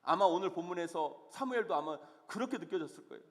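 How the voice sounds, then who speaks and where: High-voiced emphatic male pastor preaching. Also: lively intonation, fast talker, a bit bright. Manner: earnest, emphatic preaching with rhetorical questions. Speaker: senior pastor. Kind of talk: sermon. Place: church sanctuary. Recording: long reverb of a church hall.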